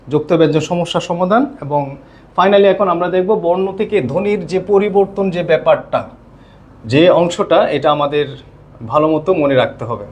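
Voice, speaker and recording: High-voiced man teaching an online class. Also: a little mellow. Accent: Bangladeshi Bengali. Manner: explains step by step, often checks in with students.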